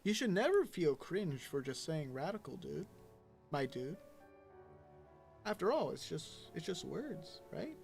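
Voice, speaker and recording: A man's voice: a little high, sing-song, measured pace, vocal fry, soft background music. A man streaming a video game, muttering to himself, humming and reading the game's dialogue aloud. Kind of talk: casual gameplay commentary.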